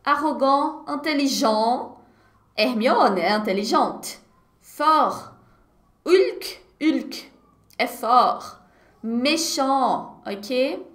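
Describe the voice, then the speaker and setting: Animated Brazilian woman teaching French. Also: sits high, echoey room. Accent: Brazilian Portuguese. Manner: animated, laughs often, drills words by repetition. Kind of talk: live online beginner French lesson. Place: home setup at her computer. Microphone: computer mic.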